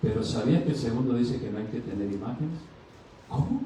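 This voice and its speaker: This pastor's mid-range voice has a dark tone, and he talks fast. Delivering his sermon in the church sanctuary, he questions the congregation and answers, and acts out brief dialogues in a raised voice. A distant mic captures the heavy echo along with a little hiss or hum.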